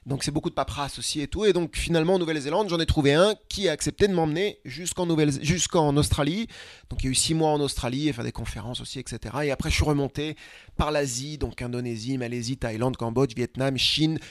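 A man telling his travel story in a casual, lively interview, running through lists of places. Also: a little high, fast talker, no room sound, clean studio sound. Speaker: guest, traveler and speaker. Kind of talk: conversational storytelling.

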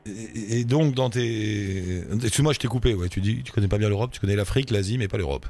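Radio host, male, rapid and chatty, low voice. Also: a little mellow, dry recording. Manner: quick, chatty, casual. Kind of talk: radio interview.

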